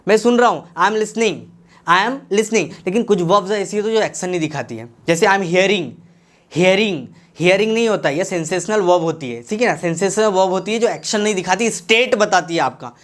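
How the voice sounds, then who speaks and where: A man's voice: sits high, moderate pace. A man teaching English grammar with an Indian accent. He repeats each practice sentence several times, then asks the class questions and answers them himself.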